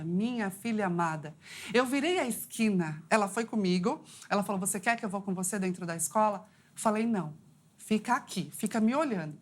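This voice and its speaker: A woman, a psychologist guest on a talk show, telling a personal story in an earnest, heartfelt way. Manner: heartfelt, earnest storytelling with rising pitch at climaxes.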